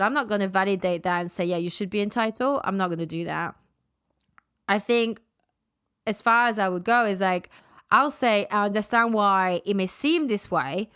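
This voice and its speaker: Woman podcasting solo, chatty and frank, smooth clear voice, mid pitch. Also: fairly bright tone. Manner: chatty, frank, full of fillers and asides. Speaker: podcast host. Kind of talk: casual solo podcast chat.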